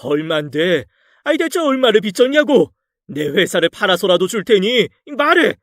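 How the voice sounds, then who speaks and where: A man voicing an angry, proud older father-in-law who shouts in a raised voice, recorded close and dry. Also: sits high, very animated, moderate pace, dry recording, pitched above the performer's own voice. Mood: furious.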